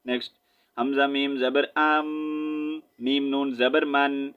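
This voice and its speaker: A man with a Pakistani Urdu accent teaching a Quran lesson, spelling out syllables slowly and chanting verses in a drawn-out melody. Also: mid-range voice, flat delivery, smooth, dull audio.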